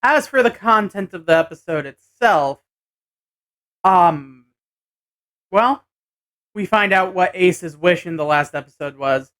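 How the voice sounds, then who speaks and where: Casual vlogger doing an episode recap, slow and kinda hesitant, clean smooth voice, medium pitch. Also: fairly bright tone. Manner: hesitant, thinking aloud with trailing hedges. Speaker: anime and tokusatsu episode reviewer.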